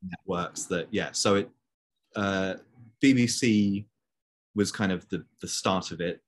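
Young male guest, low voice, rambling easy chat, video call. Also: slow. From Belgium. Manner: chatty, many fillers. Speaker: interview guest. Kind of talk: casual conversation.

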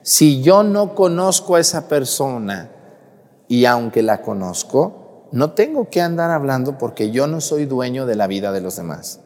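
A man's voice: mid-range voice, big pitch swings, measured pace, a little mellow, long reverb tail. A man, a priest preaching a sermon in a conversational way, with rhetorical questions to his congregation.

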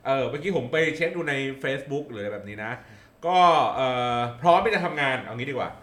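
A man's voice: mid-range voice, animated, a little fast, a bit bright, reverberant. A man chatting casually about politics, hesitant and thinking aloud with many fillers. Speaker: political commentator guest.

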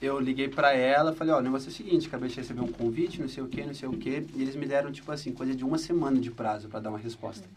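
A man's voice: mid-range voice, very fast, hardly any pauses, far from the mic, slight background noise. A man in his twenties telling a story in a casual chat, acting out quoted voices. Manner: animated storyteller, acts out quotes. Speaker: podcast guest.

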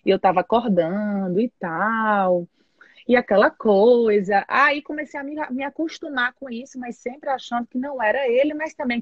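Husky-voiced woman storyteller. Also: medium pitch, no room sound. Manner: lively narrator acting out both sides of the dialogue. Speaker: guest telling her testimony. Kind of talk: animated personal storytelling. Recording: slightly dull, muffled recording.

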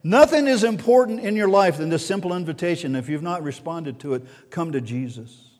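A man preaching a sermon as pastor, swinging between soft and loud and repeating key words. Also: a little high, lively intonation, brisk, in a large hall.

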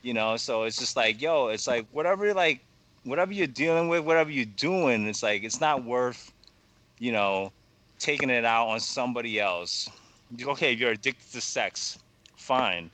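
A young man talking as a podcast guest in a halting, rambling way, full of fillers and swearing. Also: mid-range voice, animated, pushed and bright. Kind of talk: casual podcast conversation.

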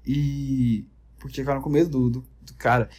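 A man's voice: mid-range voice, steady tone, moderate pace, a little mellow. A man with a Brazilian Portuguese accent rambling through comedic, profane reality-show commentary. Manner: rambling, profane, jokey storytelling. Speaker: vlogger.

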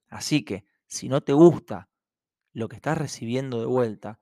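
A man hosting a self-help podcast, telling a parable and then speaking calmly and directly to the listener. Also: medium pitch, no echo, studio quality. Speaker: podcast host. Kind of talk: reflective self-help narration.

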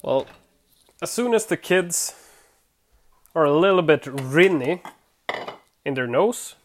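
A podcast host from Sweden, a native Swedish speaker, talks casually in English with a Swedish accent. The voice is mid-range and animated, often pausing to search for words.

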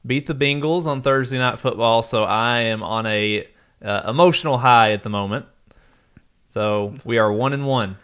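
A man co-hosting a casual podcast, self-deprecating and halting, telling nerdy jokes at a desk mic. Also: medium pitch, fairly bright tone, clean tone. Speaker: podcast co-host. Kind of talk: casual chat.

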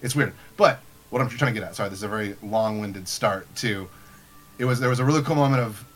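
A man's voice: lowish voice, quick pace. A young man hosting a podcast as game master, talking casually and rambling with many restarts and fillers. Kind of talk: casual chat.

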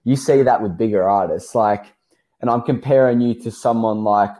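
Young man with a low mellow voice. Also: normal speed. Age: young adult. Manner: relaxed, laid-back, calls guest bro. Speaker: podcast host. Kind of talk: casual interview chat.

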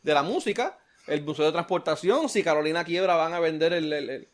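A man with a Puerto Rican accent in a casual political chat, talking in quick bursts that repeat words and swear freely. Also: a little high. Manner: rapid, repetitive, swears freely.

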